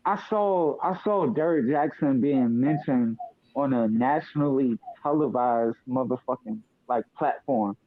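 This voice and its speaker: A man debating casually in a halting, slangy way with heavy swearing, heard over a call. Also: mid-range voice, dry recording. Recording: tinny phone-like dry line.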